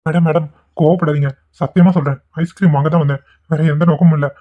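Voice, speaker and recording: A man voicing a soft-hearted young cartoon hero with a slightly raised voice who talks rapidly and earnestly. He keeps pleading to be understood. The sound is tinny and phone-like. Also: fairly high pitch, fairly even intonation, close to an everyday voice. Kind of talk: cartoon voice acting.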